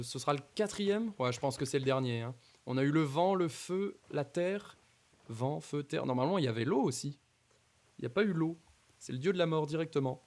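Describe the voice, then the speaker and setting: A man's voice: mid-range voice, a little mellow. A man giving casual commentary on his Minecraft playthrough, talking to the mobs and to viewers, repeating nervous exclamations in tense moments. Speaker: gaming YouTuber.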